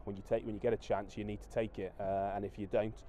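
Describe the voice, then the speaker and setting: Man, 30s, low monotone delivery, hesitant fillers, outdoor pitchside interview. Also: slight background noise. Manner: halting, many restarts and fillers. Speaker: rugby forwards coach. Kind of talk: post-match interview. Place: outdoors at a floodlit rugby ground at night.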